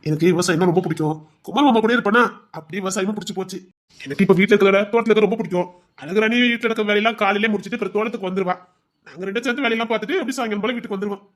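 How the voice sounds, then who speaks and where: A contented young village farmer, voiced by a man, talking very fast with a Tirunelveli Tamil accent. He teases his friend in an easy, relaxed way. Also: sits high, natural voice. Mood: teasing. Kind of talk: dramatized storytelling.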